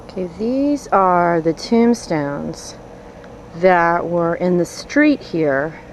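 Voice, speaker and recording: Slow, low-voiced woman presenter. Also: lively intonation, a little hiss or hum, poor audio. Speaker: show presenter. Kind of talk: on-location narration.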